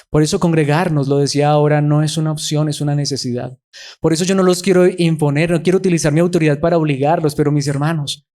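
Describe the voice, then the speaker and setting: Earnest man preaching, mellow higher voice. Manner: earnest, rises and falls in emphasis. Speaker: pastor. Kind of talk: sermon.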